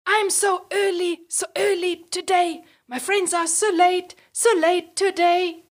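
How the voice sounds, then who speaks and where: An eager young schoolgirl in a very high, sing-song voice, as a woman reading the story puts her on. She sounds bright and cheerful, a storybook child. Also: level tone, slow pace.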